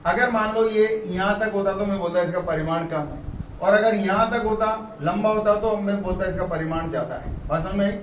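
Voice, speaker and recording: A man with a high voice explains physics to his students, urging them again and again to look closely. He sits back from the mic in a room that rings with echo, and a faint room hum runs under him. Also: normal speed. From India. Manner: coaxing, repeats "see" and "look carefully". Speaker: physics teacher. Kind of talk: classroom lecture. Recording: roomy echo, mic at a distance.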